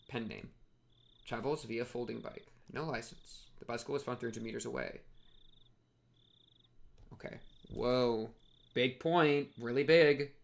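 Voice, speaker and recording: A young man streams a visual novel, reading its text aloud and tossing in casual, slangy commentary. His mid-range voice has a noticeable vocal fry.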